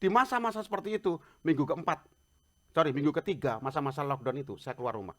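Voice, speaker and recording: A man preaching a sermon as pastor, telling humorous personal stories in an animated way. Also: a little high, quick pace.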